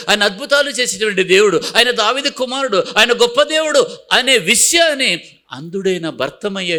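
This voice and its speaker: A man preaching a sermon as pastor, with emphatic repeated refrains that drop to a soft, pleading hush. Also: high voice.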